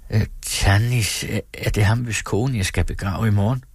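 A man's voice: on the low side, husky, no room sound, pitched above the performer's own voice. A man reading aloud, voicing a hesitant middle-aged village pastor who stammers and halts. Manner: halting, stammering.

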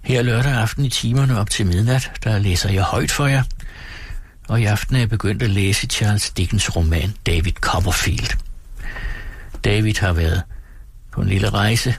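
A man who hosts a late-night radio show, reading a classic novel aloud in a calm, measured way from a radio studio. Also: fairly low pitch, slightly rough, dry recording. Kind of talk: read-aloud literary narration.

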